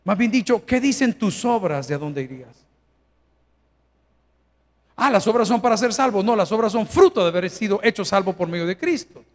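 Pastor guy preaching, high voice, goes from quiet to yelling. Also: big pitch swings, moderate pace, pauses often. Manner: preaching with rhetorical questions, swings from hushed to shouting. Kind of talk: sermon.

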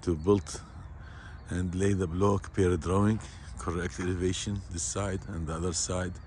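A man walking a construction site and explaining the work in plain, halting, repetitive phrases, recorded on a handheld phone outdoors. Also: sits low, little pitch movement, darkish tone, a little hiss or hum. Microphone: phone camera held by the speaker.

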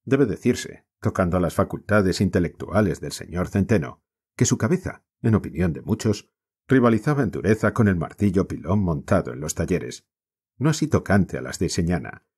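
Man, Spain accent, audiobook narration, deep voice, husky, lively intonation, declamatory. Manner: measured, declamatory reading.

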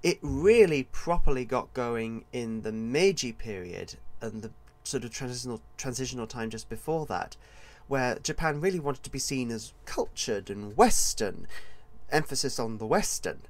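Male author-host, mid-pitched, casual solo podcast talk, rambles and digresses freely. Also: lively intonation, moderate pace, hardly any pauses.

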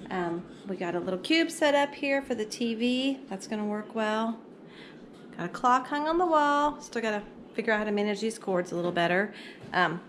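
A woman's voice: medium pitch, noisy background. A middle-aged woman chatting casually through a home-renovation vlog, upbeat and rambling with ums. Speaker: family vlogger. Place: small lake house, indoors and in the yard. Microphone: handheld camera at arm's length.

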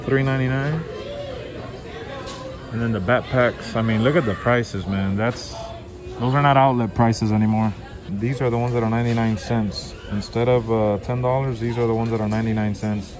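A man's voice: medium pitch, steady tone, normal speed. A man casually chatting while filming a shopping vlog, pointing out prices as he walks around. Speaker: vlog host. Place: large indoor retail store. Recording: store music playing behind.

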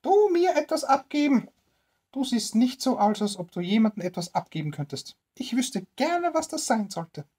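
Greedy old woman, stingy and grumbling, shrill and very high, slightly husky, a bedtime storybook role. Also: big pitch swings, normal speed, darkish tone. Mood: suspicious.

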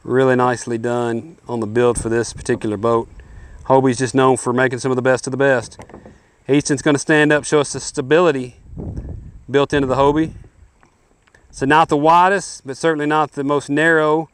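With a medium-pitched, level voice and clean tone at a moderate pace, a hunting-show host in his forties reviews kayaks outdoors by a lake. His patter is upbeat and folksy, much like a salesman's.

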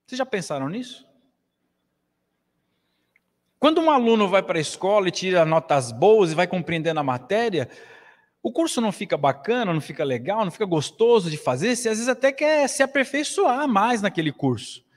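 A Brazilian man in his forties delivers an earnest spiritist lecture, gesturing widely at a lectern. His voice sits high for a man. The stand mic picks him up in a small hall with a long, ringing reverb. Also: big pitch swings, fairly quick. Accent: Brazilian Portuguese. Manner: earnest, preaching with wide gestures.

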